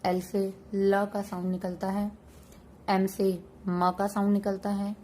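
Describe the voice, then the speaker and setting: A woman's voice: mid-range voice, level tone, slow pace, dark tone, a little hiss or hum, low-quality recording. A woman hosting a home-teaching tutorial, patiently going through letter sounds one at a time. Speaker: teacher and channel host.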